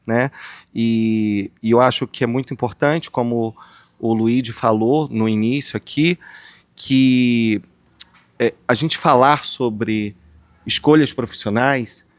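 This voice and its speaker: A Brazilian man speaking as a guest psychologist on a podcast, talking in a warm, rambling way with frequent tag questions. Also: mid-range voice, no echo. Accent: Brazilian Portuguese. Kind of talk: casual podcast conversation.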